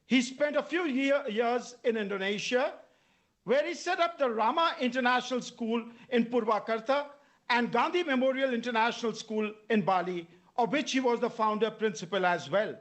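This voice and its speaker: A man with an Indian accent reading formal scripted introductions as master of ceremonies at a debate, in a measured way. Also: extremely high pitch, fairly bright tone.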